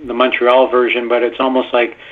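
Over a tinny phone line, an actor from Canada rambles through stories as a guest in a casual phone-in interview, leaning on lots of fillers. He speaks a little fast in a monotone, medium-pitched voice.

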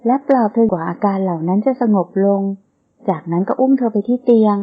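A woman narrating a romance novel in a steady storytelling manner. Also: mid-range voice, brisk, slightly rough. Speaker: audiobook narrator. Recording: tinny phone-like sound.

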